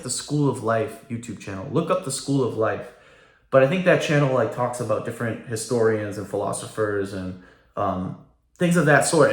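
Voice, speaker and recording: Guy vlogging a rant, keeps saying right?, mid pitch, echoey room. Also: a bit bright. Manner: emphatic, repeats "right?". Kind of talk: casual rant to camera. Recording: roomy echo.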